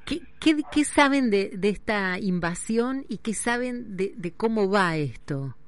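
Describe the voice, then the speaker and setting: A woman's voice: mid-range voice, lively intonation, unhurried, no room sound. A woman with an Argentine accent asking questions conversationally as a radio interviewer.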